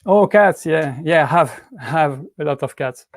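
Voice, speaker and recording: A man's voice: fairly high pitch, unhurried, no room sound. A man in his thirties from Switzerland with a French accent, chatting casually on a livestream, hesitant with many restarts and fillers. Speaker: YouTube prop-making channel host. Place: indoors at home with cats.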